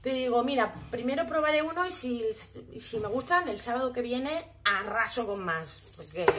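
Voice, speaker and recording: High-voiced chatty Spanish woman showing makeup. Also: background noise. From Spain. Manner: chatty, often asks viewers to look. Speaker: beauty vlogger. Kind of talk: casual haul video.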